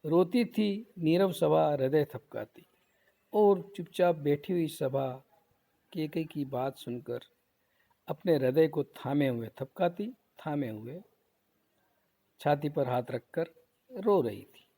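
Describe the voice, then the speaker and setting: A man lectures on a poem in a gravelly, slightly high voice. He reads a line of verse aloud, then unpacks it in simple, repetitive terms. His tone stays mellow and explanatory, and he poses rhetorical questions to his students. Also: expressive, slow, pauses often. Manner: recites verse lines, then paraphrases them plainly. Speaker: professor.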